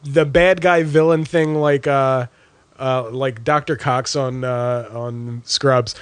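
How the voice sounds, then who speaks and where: A man's voice: mid-range voice, fairly even intonation, takes it slowly, clean tone, dry recording. A man co-hosting a podcast in casual chat, talking with many fillers and laughing often. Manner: lots of fillers, laughs often, does voices. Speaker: podcast co-host.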